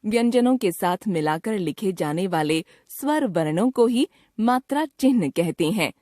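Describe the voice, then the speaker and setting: A woman narrating a scripted grammar lesson, enunciating each word of her lists slowly and clearly. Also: medium pitch, expressive, warm tone, no room sound, studio quality. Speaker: teacher.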